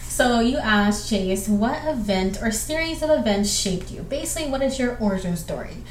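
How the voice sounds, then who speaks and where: High-pitched and animated, this Southern-accented podcast host from southwestern Georgia works through listener questions alone. Her talk is rambling and chatty, full of fillers and quick bursts, and the room is echoey with faint background noise.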